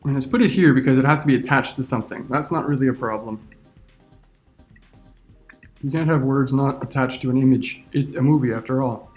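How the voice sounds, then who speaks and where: A man teaching a screen-recorded software tutorial, talking through each step as he clicks. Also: mid-range voice, brisk, pauses often, faint music behind.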